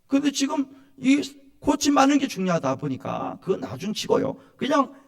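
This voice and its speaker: A man's voice: extremely high pitch, sing-song, moderate pace, creaky. A man preaching a Sunday sermon as pastor, asking the congregation to repeat lines after him and say amen. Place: church sanctuary.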